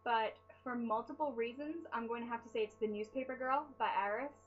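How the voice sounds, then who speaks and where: A woman's voice: on the high side, brisk, muffled recording. A young woman chatting casually to camera while answering fan questions, rambling and self-deprecating, tired from lack of sleep. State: sleep-deprived. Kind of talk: casual chat.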